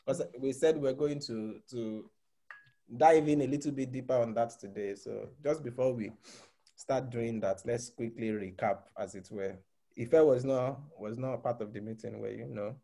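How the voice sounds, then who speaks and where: A man's voice: medium pitch, normal speed, vocal fry, warm tone. A man leading an online discussion group over a video call, asking members to recap the last meeting. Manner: calls on people by name to recap.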